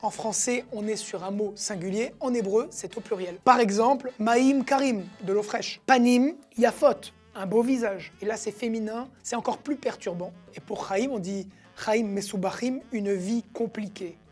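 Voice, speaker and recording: A woman teaching a recorded language lesson, patiently explaining and repeating words slowly. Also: a little high, darkish tone, husky, soft background music.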